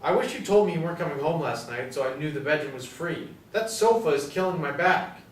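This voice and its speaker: A man's voice: a little high, expressive, fairly quick, close to an everyday voice. A young man in his twenties playing a fussy, petty ice cream seller who speaks in a pedantic, awkward way. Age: 20s. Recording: roomy, distant from the mic, faint noise.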